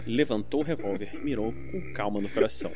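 A man's voice: on the low side, a little fast, highs cut off. A man narrating a scripted crime story as its narrator. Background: music.

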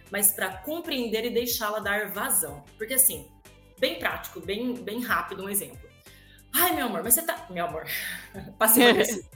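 A woman's voice: a little high, fairly bright tone, reverberant. A woman with a Brazilian Portuguese accent, a parental educator chatting animatedly as a guest and acting out little quoted scenes. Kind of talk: casual chat.

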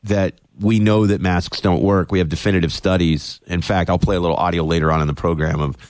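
Deep-voiced radio talk host. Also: male voice, fairly even intonation, fairly quick, a little mellow, no echo. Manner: opinionated, gets worked up.

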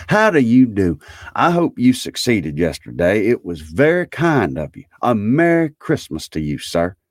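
A man's voice: fairly low pitch, very animated, measured pace, no echo, clean studio sound, pitched above the performer's own voice. A man voicing an overjoyed old reformed miser in a storybook, effusive, polite and full of exclamations. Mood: effusively cheerful.

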